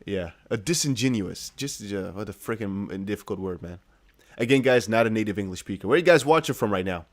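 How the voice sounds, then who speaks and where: A Dutch man from the Netherlands streams crypto news, chatting casually and emphatically with his viewers. His voice sits on the low side, with lively intonation and a brisk pace. He's chatty, repeats his points, and speaks straight to the audience.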